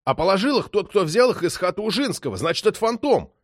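A man voicing an excited young detective who speaks urgently and fast. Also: fairly high pitch, husky, no echo, studio quality, pitched above the performer's own voice.

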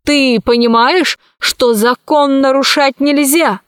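Imperious queen read by a woman, audiobook role, cold and commanding, higher voice, measured slow delivery, dry sound. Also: steady tone, dry recording. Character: stern, imperious queen ruling a council. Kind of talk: audiobook character voice.

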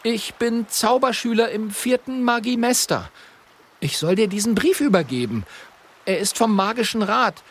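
A man voicing a nervous but brave young wizard apprentice boy in a children's audiobook, talking high and eagerly. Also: sing-song, normal speed, fairly bright tone, breathy edge, full character voice. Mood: earnest. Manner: high, eager and a bit timid.

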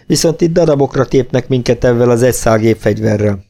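A man's voice: mid-range voice, mellow, faint music behind, lightly acted. A man voicing a soldier in an audiobook, giving urgent, commanding orders. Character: urgent male soldier in a fight.

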